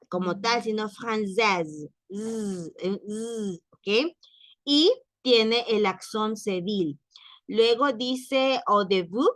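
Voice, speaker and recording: A woman's voice: medium pitch, fairly bright tone, no room sound. A woman teaching French to Spanish speakers in a recorded lesson, patiently repeating and explaining words. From Latin America.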